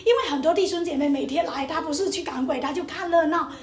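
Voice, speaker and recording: A woman's voice: high-pitched, quick pace, reverberant. A young woman preacher giving an emotional testimony sermon, acting out the voices in her story. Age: young adult.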